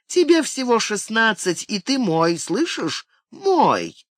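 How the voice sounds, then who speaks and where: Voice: wildly swooping pitch, slow pace, fairly bright tone, no room sound, full character voice. An audiobook reader voicing a drunken, furious middle-aged mother who shrieks insults at her son. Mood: screaming, furious. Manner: shrill, screeching insults. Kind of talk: audiobook character reading.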